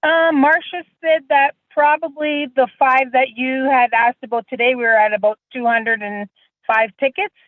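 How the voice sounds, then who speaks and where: A woman's voice: sits high, fairly even intonation, moderate pace, dry recording. Woman on a breaking-up phone line. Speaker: councilor calling into a committee meeting. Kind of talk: casual meeting talk. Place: in a parked car. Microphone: phone call.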